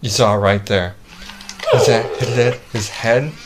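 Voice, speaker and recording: A man giving a casual product demonstration as a reviewer, speaking haltingly and often repeating and restarting his phrases. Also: medium pitch, steady tone. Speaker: toy reviewer. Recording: clearly noisy home-video recording.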